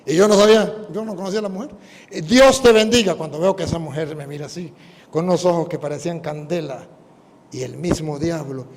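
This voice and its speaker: Priest preaching, lively storytelling, pretty high voice, big echoey hall, bit of hiss. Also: male voice, quick pace. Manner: animated storytelling, acting out dialogue. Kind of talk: sermon, storytelling.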